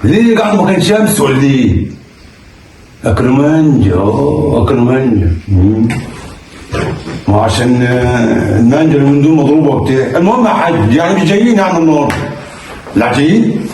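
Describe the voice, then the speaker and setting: A man with an Egyptian accent acting a comedy sketch, loud, exasperated and cursing. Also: mid-range voice, expressive, fairly quick, pauses often, a little hiss or hum. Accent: Egyptian Arabic. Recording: echoey room, far from the mic.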